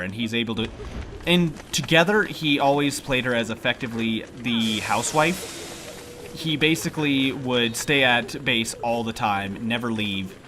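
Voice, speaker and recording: Mid-range and sharp in tone, this man's voice is nasal from allergy congestion, with a little hiss or hum in the recording. He grumbles and thinks aloud in casual commentary over his own gameplay as game music plays behind him.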